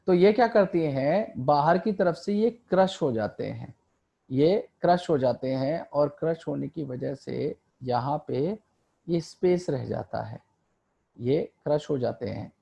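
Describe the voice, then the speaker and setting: Gravelly man teaching biology. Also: on the high side, dark tone. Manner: asks and answers his own questions, mixing Hindi with English terms. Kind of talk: online lecture explaining a diagram.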